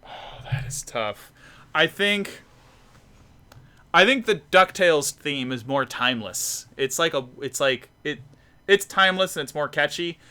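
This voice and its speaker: Guy rambling on a live stream while drawing, lively pitch, bright tone, trips over his words a lot. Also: a little slow, pauses often, clean tone. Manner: rambling, laughing, many restarts. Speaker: YouTube host.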